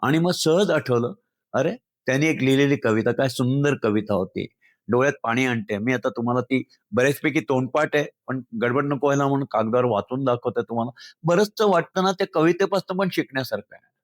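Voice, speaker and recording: A man's voice: mid-range voice, fairly quick, no room sound. A man from Maharashtra speaking earnestly and with feeling to his followers as friends, sharing thoughts and reciting a poem. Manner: earnest, emotional, speaks directly to listeners as friends. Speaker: speaker addressing social media followers. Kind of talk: heartfelt talk with poem recitation.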